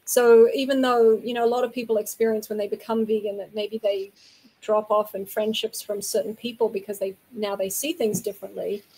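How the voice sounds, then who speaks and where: A woman's voice: medium pitch, flat delivery, fairly quick, a little mellow, breathy edge, poor audio. A woman with a New Zealand accent, a guest in an interview, explaining her views earnestly in long flowing sentences. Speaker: guest from a vegan community. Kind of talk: casual interview talk.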